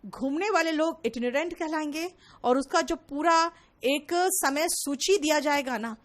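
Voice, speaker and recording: A woman's voice: high-pitched, a little slow, no room sound. A young woman teaching an online English vocabulary class, explaining in Hindi with English terms and calling her students "beta".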